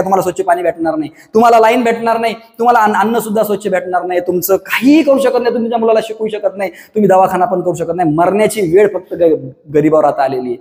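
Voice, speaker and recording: A fiery man rants at a quick clip, firing off rhetorical questions in a very high voice. He is recorded in an echoey room with a long reverb tail. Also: a little mellow. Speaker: coaching class owner giving advice. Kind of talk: impassioned monologue to camera.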